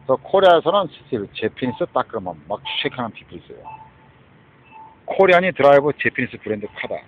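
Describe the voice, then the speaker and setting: A man's voice: medium pitch, sing-song, fast talker, slight background noise. A man ranting in a rambling, agitated monologue, often breaking off to prompt with a questioning "huh?" and mixing in English phrases, recorded outdoors. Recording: dull lo-fi recording.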